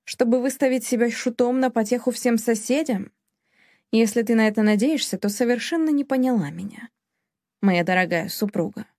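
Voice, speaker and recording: A woman's voice: on the high side, normal speed, a little mellow, dry recording, clean studio sound, lightly acted. A woman reading the part of a furious, scornful young husband who speaks harshly and commandingly. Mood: гневно.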